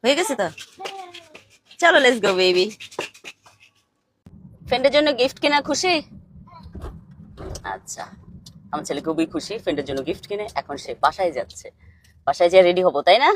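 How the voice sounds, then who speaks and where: Young woman, casual vlog host talking to her son. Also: lowish voice. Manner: chatty, coaxing her son with short questions. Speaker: vlogger and mother. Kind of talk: casual family vlog narration.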